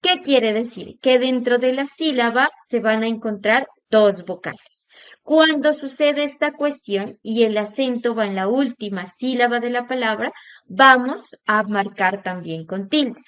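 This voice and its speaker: A woman teacher giving a recorded lesson, drawing out example words slowly to show where the stress falls. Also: fairly high pitch, a bit bright. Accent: Latin American Spanish.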